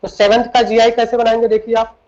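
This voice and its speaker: A man's voice: very high voice, level tone, fairly quick, darkish tone. A man teaching chemistry in a lecture, switching between Hindi and English, explaining step by step and often asking his students questions. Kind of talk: classroom lecture. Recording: dull lo-fi recording.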